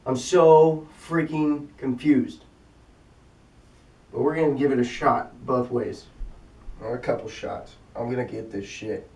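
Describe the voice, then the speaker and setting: A man's voice: medium pitch, fairly even intonation, a little slow, long pauses, a little mellow. A young man in casual vlog talk, frustrated and swearing under his breath as he tries a trick over and over. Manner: frustrated, swearing, talking to himself while attempting a trick. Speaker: vlogger. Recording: roomy, distant camera sound.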